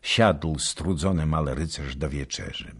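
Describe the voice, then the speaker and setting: Male audiobook narrator, deep and husky, slow, very expressive. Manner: unhurried, expressive reading. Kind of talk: scripted literary narration.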